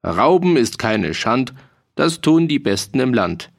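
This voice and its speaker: A man's voice: mid-range voice, sing-song, unhurried, creaky, full character voice. A man doing a haughty hot-tempered courtier. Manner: haughty, quoting proverbs. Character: proud, quick-tempered male courtier. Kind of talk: audiobook reading.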